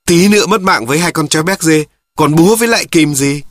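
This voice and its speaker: A man's voice: mid-range voice, expressive, moderate pace, fairly bright tone, no room sound, clean studio sound. A man voicing a curt, sulky youngest daughter. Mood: irritable.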